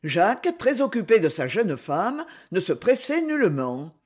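A man reading a novel aloud as narrator, with expressive storytelling. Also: high-pitched, a little slow.

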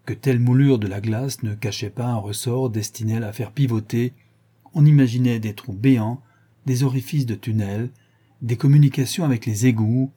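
A man narrating a classic novel in a measured storytelling manner. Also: mid-range voice, dark tone, husky. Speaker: audiobook narrator.

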